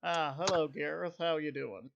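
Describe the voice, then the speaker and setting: A man's voice: on the high side, steady tone, moderate pace, vocal fry, muffled recording, a crowd in the background. Man putting on a farm boy with a bad southern drawl. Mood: wistful. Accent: bad southern US put-on. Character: young male farm boy, friendly.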